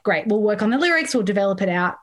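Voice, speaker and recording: A woman in her thirties, a songwriter being interviewed, talking in a chatty, animated way with frequent laughs. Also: medium pitch, quick pace. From Australia. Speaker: songwriter guest. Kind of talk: casual interview chat.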